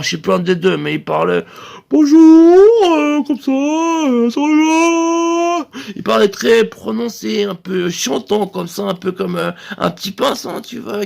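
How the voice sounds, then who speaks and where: A man with a high voice and a heavy gravelly fry spins a meandering comic tale. He talks in a loose, hesitant ramble and now and then bursts into shrill bird-call squeals. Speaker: comedian.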